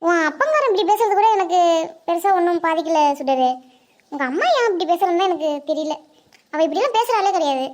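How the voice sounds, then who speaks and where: A performer voicing a loud, hearty middle-aged village aunt in a cartoon. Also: very high voice, animated, a little fast. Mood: earnest. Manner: loud, teasing scolding.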